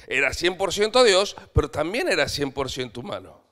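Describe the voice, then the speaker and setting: Argentine missionary preacher guy, high pitched, asks the church lots of questions. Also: sing-song, moderate pace. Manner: dramatic, swings from loud to hushed, asks the congregation questions. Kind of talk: sermon.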